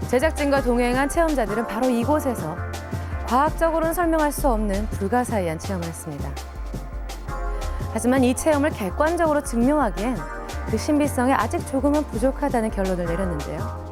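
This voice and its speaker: A woman's voice: a little high, lively intonation, quick pace. A woman presenting a TV show from a script. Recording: clear music behind the voice. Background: background music.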